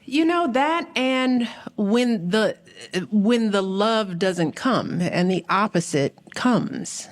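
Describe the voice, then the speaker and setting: A man interviewing a guest, asking questions in a gentle, encouraging way. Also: high voice, expressive, slow pace, hardly any pauses.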